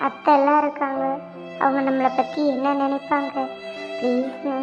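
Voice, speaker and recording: Brief: woman voicing a high-pitched, pleading young sister-in-law, cartoon drama, faint music bed. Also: little pitch movement, moderate pace, dull audio, close to an everyday voice. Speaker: cartoon voice artist. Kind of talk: animated cartoon family drama.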